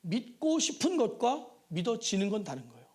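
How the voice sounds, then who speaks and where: A male pastor giving a Wednesday evening sermon in a church, emphatic, with rhetorical questions and sudden shouts. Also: high voice, big pitch swings, normal speed. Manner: acts out prayers in a pleading sing-song. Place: church sanctuary.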